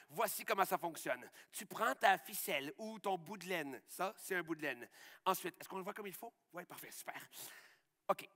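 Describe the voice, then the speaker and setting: A man's voice: sits high, bright, forceful tone. A man with a Québécois accent, a magician walking schoolchildren step by step through a rope trick. He coaches in an upbeat way and keeps checking that everyone can follow. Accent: Québécois French. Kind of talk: live magic trick demonstration and explanation for schoolchildren. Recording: long hall reverb.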